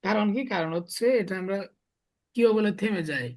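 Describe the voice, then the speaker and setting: A man's voice: high-pitched, moderate pace. A man teaching a small class, explaining step by step and asking his students the same question again and again. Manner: quizzing students with repeated questions. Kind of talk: classroom lesson.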